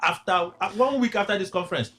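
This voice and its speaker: A man's voice: high voice, bright, forceful tone. A man hosting a radio talk show, teasing his guests and cutting in often. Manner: teasing, quick to interrupt. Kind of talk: casual studio chat.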